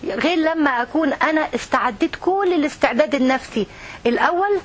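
An Egyptian woman delivers a religious lesson in Egyptian Arabic, speaking earnestly and directly to the women listening. Her voice is pitched high, her intonation is lively, and her words come quickly.

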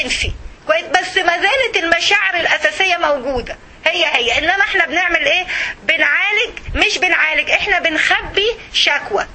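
A woman with an Egyptian accent giving an animated religious talk, acting out everyday scenes as she goes. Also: extremely high pitch, slight background noise, rough recording. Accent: Egyptian Arabic. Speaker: religious speaker.

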